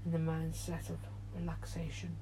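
A man leads a guided meditation in a soft, hushed, soothing voice, leaving long pauses as he goes. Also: a little high, completely flat delivery, slight background noise, poor audio. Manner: soothing, gentle, drawn-out delivery with long pauses. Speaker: podcast host and meditation guide.

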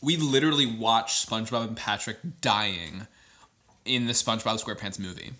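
A man's voice: lowish voice, moderate pace, pushed and bright. A man co-hosting a podcast in casual chat, rambling with fillers and laughing easily. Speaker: podcast co-host.

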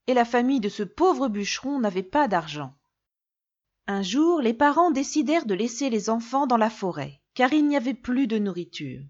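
A woman narrating a fairy tale in an expressive, clear storybook reading. The recording is dull and lo-fi. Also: a little high, moderate pace.

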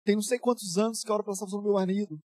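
A man acting out a distraught churchwoman pleading about her unsaved husband, rising to a high wail, in a dry room. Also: steady tone, racing, dark tone, no echo, natural voice. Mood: desperate.

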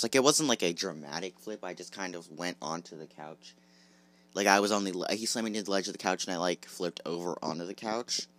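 Low-voiced young man telling rambling stories. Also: fairly bright tone. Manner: rambling, filler-heavy, self-correcting. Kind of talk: casual storytelling.

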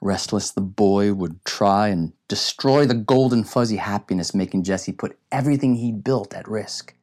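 A man narrating an audiobook in a measured, reflective way. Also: lowish voice, a little mellow. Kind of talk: scripted narration.

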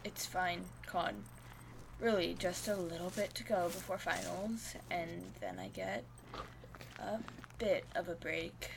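Woman playing stressed young student, audio drama, lower female pitch, earnest, conversational, faint noise. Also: expressive, slow, vocal fry, exaggerated voice. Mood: stressed, weary. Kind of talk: naturalistic audio drama acting.

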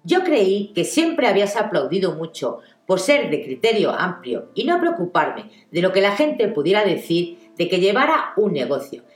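A woman's voice: mid-range voice, very animated, moderate pace, few pauses, natural voice. A woman reading the part of a stubborn, proud young wife, speaking obstinately and insistently. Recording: echoey room with faint music.

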